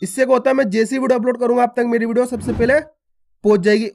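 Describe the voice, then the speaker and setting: A man's voice: extremely high pitch, steady tone, gravelly, darkish tone, a little hiss or hum. A man teaching a beginner reading lesson in a video, repeating each point and asking the viewer questions, drawing out single syllables. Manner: repetitive, asks the viewer questions, drawn-out syllables. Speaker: Hindi teacher.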